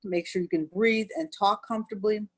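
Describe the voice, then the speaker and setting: A woman's voice: medium pitch, fairly even intonation, fairly quick. A woman doctor giving an educational webinar talk, explaining step by step and often saying "actually".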